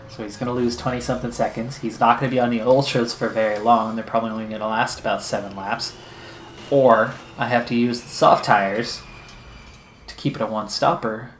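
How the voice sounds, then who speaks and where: A man with an ordinary mid-range voice talks through his racing management game, fretting and pleading over lap times. The recording has a roomy echo and a faint hiss. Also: medium pitch. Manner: anxious, pleading running commentary. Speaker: gaming channel host. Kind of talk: let's-play commentary.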